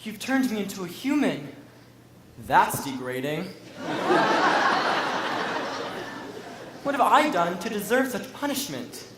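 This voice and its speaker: A woman's voice: mid-range voice, very animated, moderate pace, distant mic, a loud crowd, very noisy, natural voice. A young woman acting a pessimistic, dramatic otter who has been turned into a human, in a school stage play. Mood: gloomy. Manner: dramatic, complaining, self-pitying. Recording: roomy stage hall with music.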